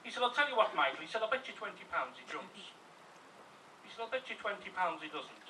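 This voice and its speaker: A man, telling jokes as a stand-up comedian at a music hall concert and slipping into quick character voices. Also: sits high, sing-song, sharp tone. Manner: chatty joke teller doing quick character voices. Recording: distant noisy live hall recording.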